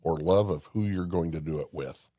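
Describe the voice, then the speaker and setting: An older man from Indiana, appearing as a podcast guest, tells folksy stories in casual conversation, adding emphasis and frequently restarting. His low, warm voice comes through at normal speed in clean studio sound with no echo.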